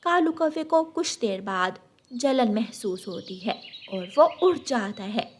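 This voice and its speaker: A woman narrating a children's cartoon story and voicing its characters in a lively way. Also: a little high, slow pace, a little hiss or hum. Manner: lively, defensive, chatty. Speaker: narrator and voices of several characters.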